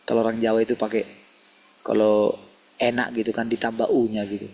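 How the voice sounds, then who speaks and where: Male preacher, husky and gravelly, sermon full of rhetorical questions. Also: lowish voice, flat delivery, brisk, a little mellow. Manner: addresses listeners as "saudara", asks many rhetorical questions.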